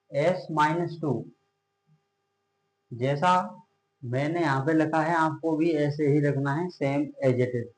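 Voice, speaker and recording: A man teaching a science lesson at a board, asking questions and answering them himself, drawing out the key words slowly. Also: on the high side, a little hiss or hum. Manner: repeats question-and-answer drills, slows on key terms. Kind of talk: classroom chemistry lecture at a board. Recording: echoey room.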